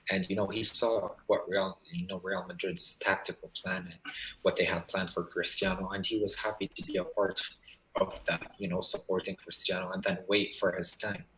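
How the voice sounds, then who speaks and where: A man arguing his point in a casual online debate. His voice comes through a bad connection that makes it sound robotic and low quality. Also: level tone, moderate pace, a bit bright, a little hiss or hum. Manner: insistent, argumentative, repeats "you know". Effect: robotic, low-quality online call audio. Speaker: participant in an online football discussion. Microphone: online voice call.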